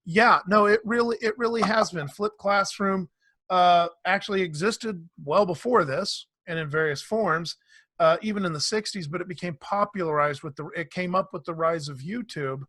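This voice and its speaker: A man hosting a casual online panel discussion, animated and quick to laugh, acting out quotes in playful voices. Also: sits high, no room sound. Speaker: panel host.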